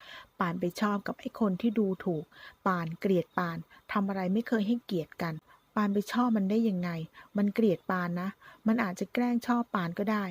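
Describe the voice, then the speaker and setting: A woman reading the lines of a jealous, drunk young man who rails loudly and bitterly at his girlfriend. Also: medium pitch, moderate pace, slightly rough, no echo, lightly acted. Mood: bitter accusing. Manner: loud, accusing, bitter. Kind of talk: storytelling reading.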